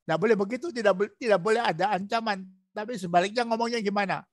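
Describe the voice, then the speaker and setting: A man training a student in preaching, asking patient prodding questions and acting out gentle examples. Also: high voice, fast talker. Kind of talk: coaching a student in preaching practice.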